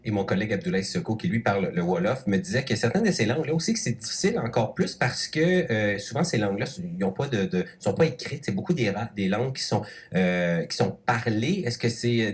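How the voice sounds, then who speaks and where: A male radio journalist hosting an interview, asking brisk, chatty questions. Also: fairly low pitch, lively intonation.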